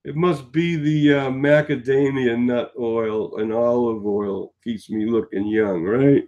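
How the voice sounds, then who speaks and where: A man's voice: medium pitch, fairly even intonation, takes it slowly, darkish tone. A man in his sixties tells a rambling everyday story for his vlog, in no hurry at all. His voice sounds tired, and he drifts along with plenty of fillers. The recording is a little dull and lo-fi. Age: 60s. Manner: meandering, chatty storytelling with many fillers. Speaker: vlogger. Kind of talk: casual rambling vlog monologue.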